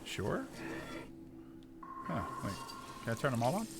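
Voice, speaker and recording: A man's voice: medium pitch, big pitch swings, unhurried, gravelly, music in the background. A man streaming a game, giving casual live commentary and reacting aloud.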